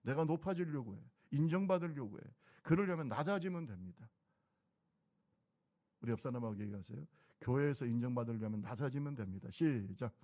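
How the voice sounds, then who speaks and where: Gravelly Korean pastor preaching conversationally. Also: male voice, medium pitch, lively intonation, brisk, mellow. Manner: conversational preaching with rhetorical questions. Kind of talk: sermon. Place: church sanctuary.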